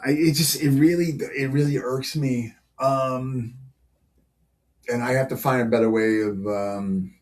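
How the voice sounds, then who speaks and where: Man, podcast host, casual chat, talkative, laughs a lot, mid pitch. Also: a little mellow. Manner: chatty, laughs often, many fillers.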